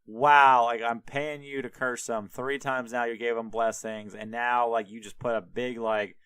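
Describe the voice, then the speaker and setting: A furious, exasperated king, put on by a man retelling the tale, ranting with rising, louder outbursts. The voice stays smooth and resonant, with a dry, close sound. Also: medium pitch, level tone, a little slow, no echo, close to an everyday voice. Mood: angry. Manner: ranting and indignant.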